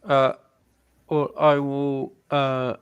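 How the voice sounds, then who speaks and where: A man's voice: mid-range voice, little pitch movement, drawn-out words, muffled recording, noisy background. A man playing a tabletop game, chatting casually and thinking aloud in a hesitant way.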